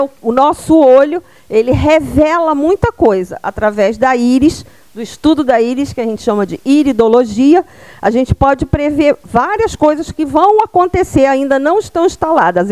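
A woman's voice: high voice, mellow, no room sound. A middle-aged woman from Brazil giving a public health lecture in a small room, speaking into a handheld microphone and checking in with her audience through frequent tag questions.

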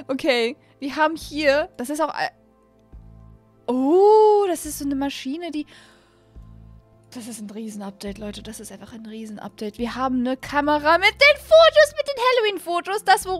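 Here a young adult YouTuber commentates her gameplay in a bright, high, very animated voice, gushing and exclaiming while repeating lines and tossing in English catchphrases. Faint music plays as she speaks right into a desk mic in a small room at home.

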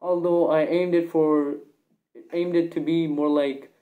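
A man's voice: a little high, flat delivery, unhurried. A young man giving a casual, rambling gear review, his voice muffled through a cloth mask.

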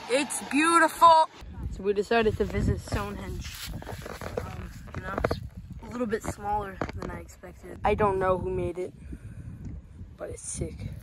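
Playful woman vlogging, noisy outdoor audio. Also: medium pitch. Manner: playful, jokey, mock-epic asides. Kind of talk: casual travel vlog narration. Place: outdoors and in a car, on a trip.

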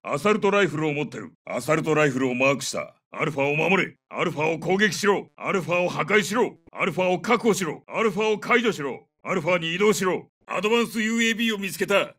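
A battle-hardened special forces captain in a shooter game. His voice is pitched high and forceful, set a little way from the mic. He gives terse, commanding callouts with urgency. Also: lively intonation, quick pace, few pauses, distant mic. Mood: brisk, alert. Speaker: soldier calling out combat voicelines. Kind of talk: military shooter game voice acting, short tactical callouts.

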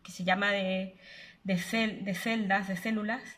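A woman's voice: medium pitch, little pitch movement, unhurried, fairly bright tone. A woman, giving an online lecture from home on a webcam, explaining at length with many fillers and self-corrections. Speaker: filmmaker and researcher giving a lecture. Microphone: webcam at close range.

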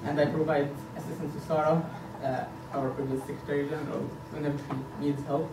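In an indoor meeting room, a board candidate in his thirties from Egypt stands at a podium and earnestly presents his campaign, hesitating often with fillers. His fairly high voice is flat and a little fast. A far camera records him, leaving echo and background hiss.

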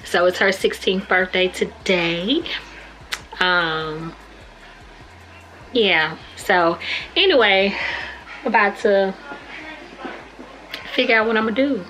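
A woman in her thirties chatting casually to her phone camera at arm's length in a bedroom, relaxed and a little sleepy as she rambles. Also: medium pitch, slow pace, pauses often, poor audio. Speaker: family vlogger. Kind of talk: casual vlog chat. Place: bedroom at home.

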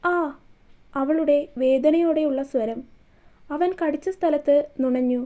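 High-voiced woman reading a romance. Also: normal speed, dark tone. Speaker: storyteller. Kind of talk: scripted romance narration.

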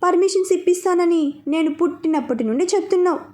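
A woman's voice: extremely high pitch, fast talker, a little mellow, voice pushed up. A woman voicing a cheeky young man who pokes fun playfully in a storybook reading.

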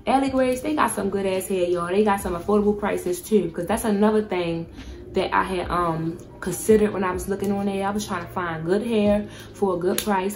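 A young female beauty vlogger with a mid-range, darkish voice gives a casual, chatty product review. She speaks candidly, using lots of slang and swearing.

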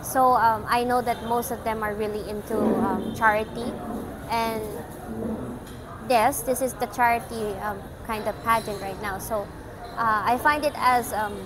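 A woman's voice: fairly high pitch, steady tone, a little slow, a crowd in the background, rough recording. A young woman who grew up in Canada, a pageant candidate answering interview questions in a bubbly, casual way, switching between English and Tagalog with many ums. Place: indoor venue with red bench.

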